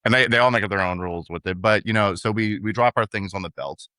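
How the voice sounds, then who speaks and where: A young man co-hosting a podcast, telling a story in a relaxed, chatty way and acting out the other people's lines. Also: lowish voice, fast talker, clean tone, no echo, studio quality. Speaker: podcast co-host. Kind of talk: casual conversational storytelling.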